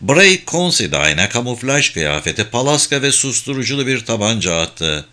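A man reading a thriller audiobook aloud in a steady, measured manner. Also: medium pitch. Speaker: audiobook narrator. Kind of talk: scripted audiobook narration.

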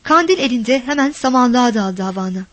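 A woman reading a novel aloud as narrator, in a steady storytelling manner. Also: on the high side, fairly quick, no echo.

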